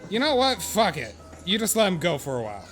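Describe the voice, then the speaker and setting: Fond exasperation colors this fairly quick, exaggerated performance by a man playing an earnest, excitable narrator of an awkward would-be friend. His fairly high voice swings widely in theatrical, mock-solemn second-person narration with comic profanity, scripted for a comic audio drama with soft music underneath.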